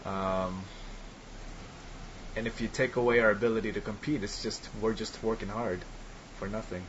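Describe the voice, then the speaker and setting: A man's voice: fairly low pitch, fairly even intonation, normal speed, slight background noise. A man hosting a casual group chat over an online call, talking loosely with plenty of filler words. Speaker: podcast host. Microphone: computer mic on a voice call. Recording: dull lo-fi online call audio.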